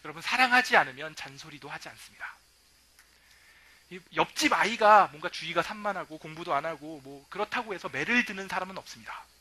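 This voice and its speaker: A male pastor preaching a sermon, telling stories lively and acting out what people say. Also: on the high side, brisk. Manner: lively storytelling, acting out quoted remarks.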